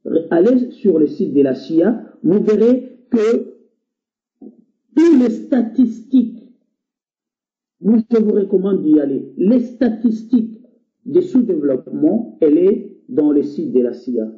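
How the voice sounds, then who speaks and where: This guest caller from the DR Congo, a non-native French speaker whose mother tongue is Lingala or another Congolese language, has a high, very animated voice and an unhurried delivery. He passionately urges listeners on a call-in show, often hesitating. The internet call gives the audio a thin, tinny phone quality.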